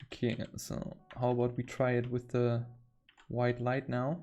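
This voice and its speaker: A man's voice: medium pitch, completely flat delivery, a little slow, warm tone, dull audio. A man chatting casually on a livestream while he draws, rambling and easily amused. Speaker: artist streaming while drawing. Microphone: headset.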